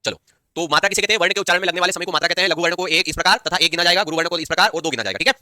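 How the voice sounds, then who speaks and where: Bright, clear-voiced man teaching. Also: high-pitched, rapid-fire, no room sound, clean studio sound. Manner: repeats key lines and quizzes students; reads comments aloud and answers them. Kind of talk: online Hindi grammar class.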